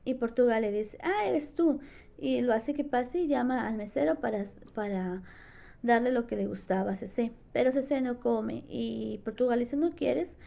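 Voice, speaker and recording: A woman's voice: on the high side, steady tone, moderate pace, creaky, warm tone. A young woman, a student retelling a novel's plot in a book summary with frequent restarts. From Peru. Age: young adult. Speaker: education student.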